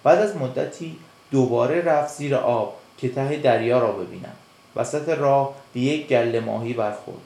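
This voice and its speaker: A man narrating a storybook in a steady, measured reading. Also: medium pitch. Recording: echoey room.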